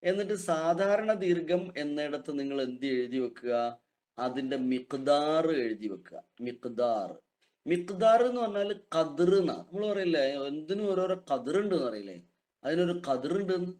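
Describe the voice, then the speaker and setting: A man teaching an online Quran reading class, patiently repeating key terms slowly for his students. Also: a little high, lively intonation, a little mellow.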